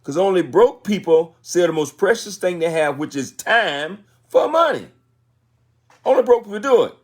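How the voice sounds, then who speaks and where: Lively intonation and a high-sitting voice at normal speed mark this American motivational business speaker, a man in his sixties on a livestream. Folksy and colloquial, he repeats phrases to underline his points.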